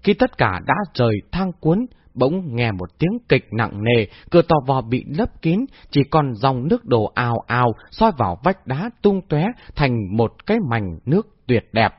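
A man's voice: mid-range voice, moderate pace, hardly any pauses, husky, dry recording. A man narrating a novel expressively as an audiobook reader. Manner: expressive, lively storytelling. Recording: dull lo-fi dry recording.

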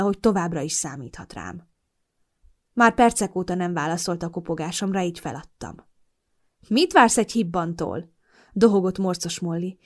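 A woman narrating a novel in the first person, in a calm, steady storytelling manner. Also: fairly low pitch. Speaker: audiobook narrator. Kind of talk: scripted narration.

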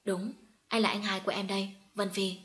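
A woman's voice: mid-range voice, flat delivery, brisk, fairly bright tone, natural voice. A woman reading as a young man, a protective elder brother, in a soothing, reassuring way.

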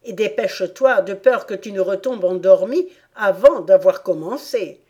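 A woman voicing a rude, mocking man with a loud, sneering, pedantic delivery in an audiobook. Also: mid-range voice, animated, moderate pace, lo-fi sound, close to an everyday voice. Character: rude, mocking adult man at a tea party. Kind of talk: audiobook character voice.

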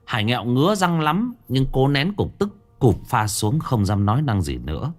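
Expressive man narrating a story. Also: mid-range voice, moderate pace. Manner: dramatic, expressive.

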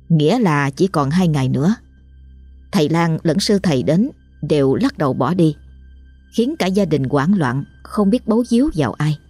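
Low, husky woman narrating horror. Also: dark tone. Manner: measured, somber storytelling. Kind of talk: scripted horror story narration.

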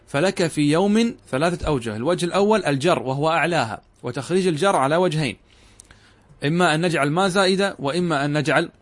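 A middle-aged man lecturing on Arabic grammar, explaining step by step and asking his students questions that he then answers himself. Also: a little high. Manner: addresses students directly and urges them to pay attention. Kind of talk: classroom lecture.

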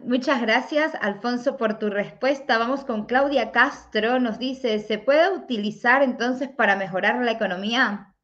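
A woman's voice: fairly high pitch, measured pace, few pauses, fairly bright tone. A woman hosting a live Q&A, thanking the guest briefly and reading out viewers' questions. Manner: brief courteous thanks, then reads questions aloud. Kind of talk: moderating a live Q&A. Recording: dull lo-fi sound.

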